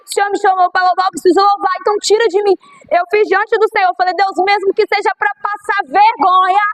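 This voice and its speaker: A woman's voice: very high-pitched, steady tone, fast, low-quality recording. A young woman preaching a fervent sermon, repeating phrases for emphasis, her voice a little strained. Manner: fervent, repetitive exhortation.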